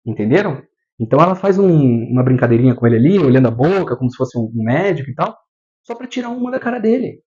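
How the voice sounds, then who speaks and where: A man with a Brazilian Portuguese accent giving a spiritual lecture in an animated way, acting out scenes with sound effects. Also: mid-range voice, fast talker. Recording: dull lo-fi recording.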